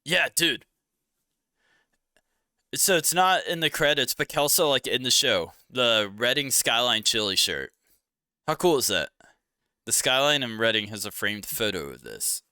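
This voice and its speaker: A young man from Cincinnati co-hosting a podcast, chatting casually and telling rambling, animated stories. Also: medium pitch, measured pace, pauses often, clean tone, no room sound, clean studio sound. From Cincinnati, Ohio. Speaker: podcast co-host. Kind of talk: casual chat.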